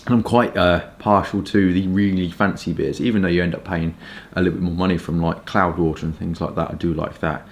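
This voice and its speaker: A man from Kent with a southern English accent, chatting informally and hesitantly in a rambling casual review, with stop-start pauses. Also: sits low, fairly even intonation. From Kent, England. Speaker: pipe tobacco reviewer.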